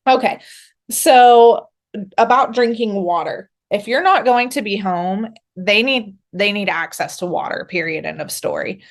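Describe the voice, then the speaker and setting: A woman's voice: mid-range voice, unhurried. A middle-aged woman dog trainer giving practical, reassuring instructions to camera, with many fillers and restarts.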